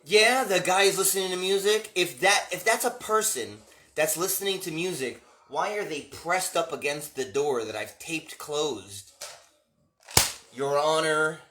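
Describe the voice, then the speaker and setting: A man's voice: fairly high pitch, lively intonation, normal speed, sharp tone, slight background noise. A man rambling wryly in a monologue, as if talking to himself. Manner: wry, rambling, talks to himself. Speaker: vlogger. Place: room indoors. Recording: roomy echo.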